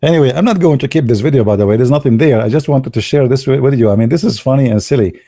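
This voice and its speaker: A man's voice: mid-range voice, very fast, warm tone, no echo, studio quality. A man joking and teasing his viewers in casual commentary, with non-native English phrasing. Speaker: video commentator.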